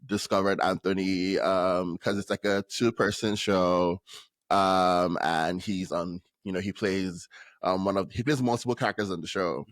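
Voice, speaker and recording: A man with a very low voice hosts a podcast in a casual, upbeat way, often pausing on ums. The sound is dry and close, with no room around it. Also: fairly even intonation, no room sound. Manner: upbeat, enthusiastic, many ums. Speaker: podcast host. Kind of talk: casual interview chat.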